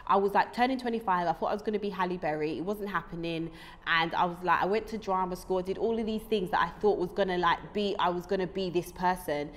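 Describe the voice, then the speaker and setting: A woman, hosting a casual interview, chatty, frank and animated, in a small studio set. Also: on the low side, quick pace. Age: 30s. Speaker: host. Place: small studio set with lamp and fireplace screen.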